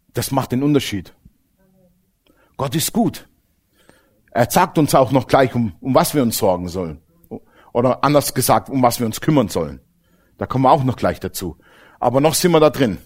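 Animated preacher, wide pitch swings. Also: male voice. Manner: animated, jokes with the congregation, swings from loud to hushed. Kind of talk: lively sermon.

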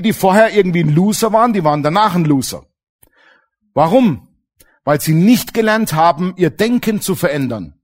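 A middle-aged male pastor preaching with a voice that rises and falls a great deal. He pitches his speech a little higher than most men and drives his points home with emphasis. He keeps checking in with the congregation through rhetorical questions. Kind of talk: sermon.

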